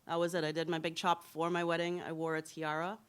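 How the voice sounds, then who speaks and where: A woman in her thirties from Trinidad and Tobago talks as an interview guest at a symposium. Her voice sits a little low, and she tells her story in a lively, candid way. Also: quick pace, smooth. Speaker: hair blogger, interview guest.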